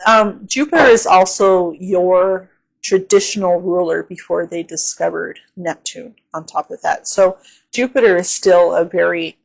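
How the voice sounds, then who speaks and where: Hosting her own channel, a woman with a fairly low pitch discusses an astrology forecast at a casual, unhurried pace. Her voice is slightly hoarse and tired, she says "um" often and checks in with "okay?", and the recording is rough.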